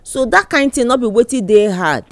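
A man's voice: extremely high pitch, animated, moderate pace, fairly bright tone, dry recording, studio quality. A man with a Nigerian accent chatting casually in West African Pidgin English as a partner in a radio conversation.

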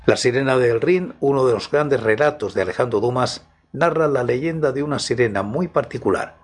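A man with a husky voice narrating scripted tales as the host of a story programme. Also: medium pitch, normal speed. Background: music.

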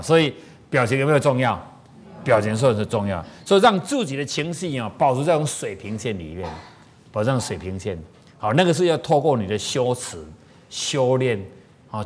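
In a medium-pitched voice, a Taiwanese-accented spiritual teacher lectures with animation, sermon-fashion, repeatedly posing rhetorical questions to those listening.

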